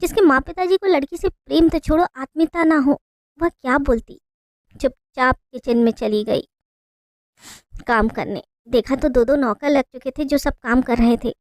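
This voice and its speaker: A woman with a high, light voice tells a sad family story in first person, plaintive and expressive. The sound is close and dry, with no room around it. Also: normal speed, dry recording.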